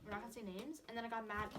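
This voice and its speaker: A young woman vlogging casually and gushing with excitement as she unboxes albums. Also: fairly high pitch, rapid-fire, recorded from a distance, very noisy. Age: young adult. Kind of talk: casual vlog narration.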